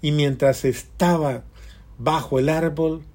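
A man preaching a fervent sermon, swinging between raised praise and hushed prayer. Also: fairly high pitch, fairly even intonation, slow. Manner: fervent, sways from loud to hushed. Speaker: radio preacher.

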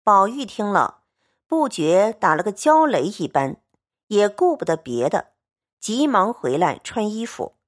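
A woman narrates a classic novel in a measured storytelling reading. She takes her time, and her pitch rises and falls with lively expression.

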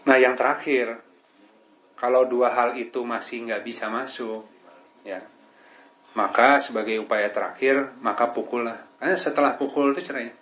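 An Islamic preacher with a medium-pitched, steady, fairly bright voice gives a casual religious lesson at normal speed. He speaks conversationally, often tacking on "right?", and the recording is dull and lo-fi.

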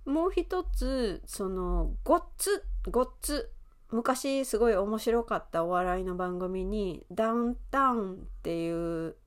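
A woman in her thirties with an Osaka accent, hosting a podcast lesson and explaining words in an easygoing way with fillers and soft laughs. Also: medium pitch, lively intonation, unhurried. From Osaka, Japan. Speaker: Japanese teacher and podcast host.

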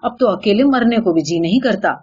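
A woman's voice: medium pitch, lively intonation, a little mellow, breathy edge, muffled recording. A woman voicing a vain, coy female jackal who complains indignantly and pleads with her husband in a told folk tale. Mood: indignant pleading.

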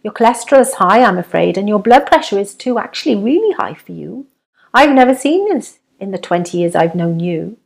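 A woman voicing a gentle older nurse. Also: medium pitch, fairly quick, creaky. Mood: gentle concern. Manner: calm, soft and concerned.

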